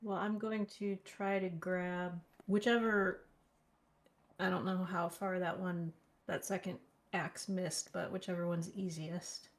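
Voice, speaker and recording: A woman's voice: on the low side, level tone, measured pace. A woman playing a tabletop game, talking in a casual, matter-of-fact way. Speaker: player.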